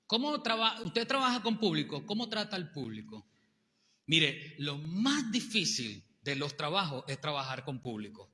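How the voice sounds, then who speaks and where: A male pastor, preaching a sermon with animated rhetorical questions to the congregation. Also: a little high, moderate pace. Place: church hall. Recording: long hall reverb.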